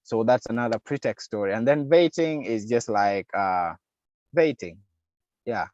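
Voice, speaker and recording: A man's voice: mid-range voice, expressive, unhurried, a little mellow, muffled recording. A man giving an online masterclass lecture on digital security, explaining step by step with frequent fillers and acting out lines that a scammer might say. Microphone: video call.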